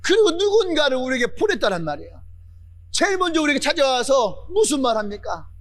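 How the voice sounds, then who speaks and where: A male pastor preaching a sermon fervently, repeating phrases and building up to shouts. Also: very high-pitched, sing-song, a little fast.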